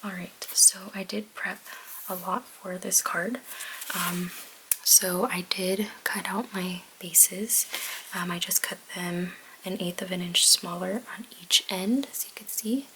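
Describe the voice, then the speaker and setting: A woman whispering slowly through a card-making tutorial at home, hesitant and full of ums as she thinks aloud. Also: lowish voice, steady tone, a little hiss or hum, rough recording. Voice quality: whispering softly. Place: home crafting desk, baby asleep nearby.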